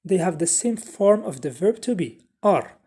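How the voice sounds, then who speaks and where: A woman with as her teaches a beginner English grammar lesson. Her voice is dark and soft, with a husky edge. She moves steadily and repeats each example sentence. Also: on the low side, animated. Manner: slow, repeats example sentences with Arabic translations.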